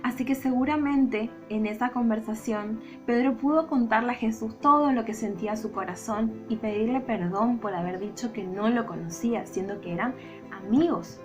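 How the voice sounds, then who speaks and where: Over music, a woman with a Rioplatense Spanish accent, a Sunday school teacher, dramatizes a Bible story for children with plenty of expression. Her voice is fairly high and her pace normal.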